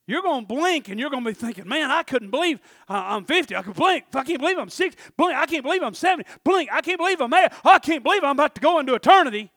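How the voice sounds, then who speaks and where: A middle-aged man preaches in a high, ringing voice. He swings between shouted urgency and hushed, personal asides. The sound is close and dry, with no room around it. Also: no room sound. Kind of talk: sermon.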